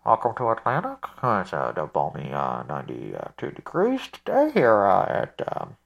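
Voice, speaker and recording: A man putting on a deep gravelly airline pilot over the cabin speaker. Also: huge pitch swings, muffled recording, full character voice. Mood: drawling. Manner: slow drawling announcement with many "uh"s. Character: male airline pilot making a cabin announcement.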